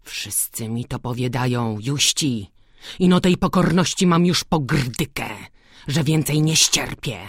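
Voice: medium pitch, measured pace, breathy edge, no echo, studio quality. A reader voicing an angry, resentful young male peasant who grumbles, in an audiobook. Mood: bitter.

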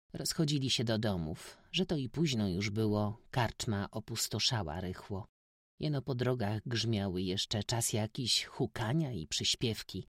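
A man reading a classic novel aloud as an audiobook narrator, in a steady, measured storytelling manner. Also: mid-range voice, dry recording, studio quality.

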